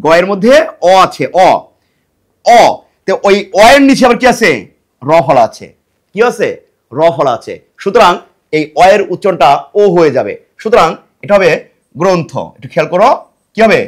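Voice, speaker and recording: A man's voice: high voice, normal speed, long pauses. A middle-aged man teaching a grammar lesson for exam preparation, asking the class questions and answering them himself, and repeating words to drill them. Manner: lively, emphatic delivery.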